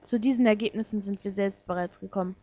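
A woman's voice: medium pitch, fairly even intonation, fast, warm tone, lightly acted. A woman voicing a cool, detached young male detective who speaks in curt, matter-of-fact questions. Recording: dull lo-fi recording.

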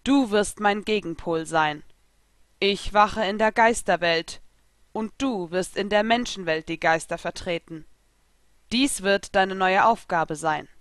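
A woman's voice: medium pitch, a little slow, no echo, close to an everyday voice. A woman reading the part of a solemn male spirit king who speaks formally, in a dry recording. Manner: formal, ceremonial speech.

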